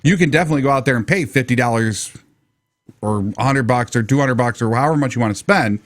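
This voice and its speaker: A man's voice: medium pitch, fast, dry recording. A middle-aged man with a stuffy nose from allergies, hosting a casual live tech talk show from his basement studio and rambling with many fillers and restarts. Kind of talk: casual live radio-style chat.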